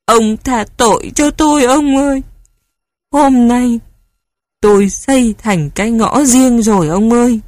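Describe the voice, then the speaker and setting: A woman's voice: on the low side, measured pace, darkish tone, no echo, clean studio sound. A woman playing a stern old mother. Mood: wailing. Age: older. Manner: commanding, wailing lament. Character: stern elderly mother, foul-mouthed, strong-willed.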